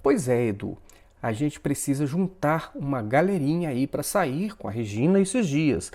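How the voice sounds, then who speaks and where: A man's voice: mid-range voice, very animated, measured pace, darkish tone. A man voicing a cheerful, chatty young woman trying to help her friend, in a read-aloud story.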